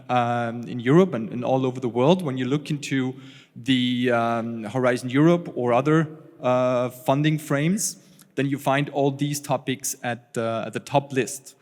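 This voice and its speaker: A man talks through his points on a conference panel, pausing often and restarting his sentences. His voice sits at an ordinary middle pitch. The sound carries the long reverb of a large hall. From Austria. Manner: halting, many fillers and restarts. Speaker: panelist, researcher.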